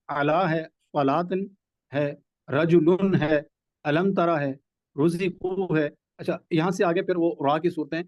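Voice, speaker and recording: A man's voice: high voice, dry recording, lo-fi sound. A man teaching a tajweed lesson in a live online class, patiently repeating rules and examples. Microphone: video call.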